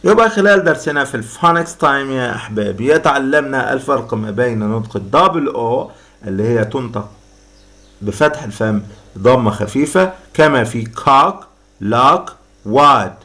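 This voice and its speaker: A man with an Egyptian Arabic accent teaching an English lesson. He reads the English examples slowly and deliberately, then translates them. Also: medium pitch, lively intonation, fairly bright tone. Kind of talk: classroom lesson explanation.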